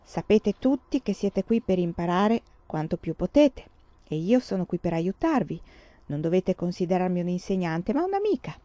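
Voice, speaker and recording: A woman's voice: on the low side, sing-song, normal speed, dark tone, no echo. A woman voicing a young schoolteacher who is sweet, coaxing and talks on and on without stopping. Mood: sugary. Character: sugary, overly cheerful young schoolteacher woman. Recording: slightly dull, dry recording.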